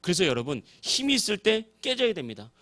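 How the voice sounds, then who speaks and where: A man's voice: high voice, very animated, brisk, fairly bright tone. A male pastor preaching in a church, telling a story and acting out the voices of the people in it. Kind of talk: sermon. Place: church sanctuary.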